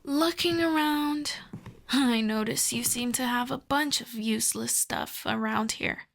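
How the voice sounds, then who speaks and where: In an ASMR roleplay audio drama, a woman plays a possessive, seductive female vampire, her voice on the high side, unhurried, creaky, and a bit bright. She speaks intimately and coaxingly, with a smug, commanding streak, drifting into whispers.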